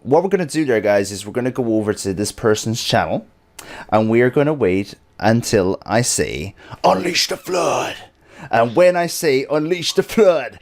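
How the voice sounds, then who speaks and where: A man hosts a casual livestream chat, his voice sitting fairly low. He laughs often and pushes energetic, joking banter with his co-hosts and chat. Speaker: stream host.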